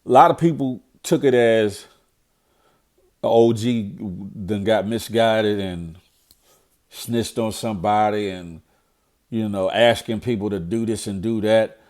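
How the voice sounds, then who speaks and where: Nasal and cold-stuffed, this middle-aged man's low, slightly mellow voice moves at a slow pace. As a vlogger on current events, he delivers a blunt, preachy commentary monologue and tends to repeat himself once he gets fired up.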